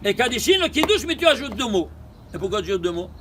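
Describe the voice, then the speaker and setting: Rabbi teaching torah, high bright voice, animated, keeps asking questions, faint noise behind. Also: male voice, fast. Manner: animated, questioning, repeats phrases. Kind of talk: Torah lesson with gematria.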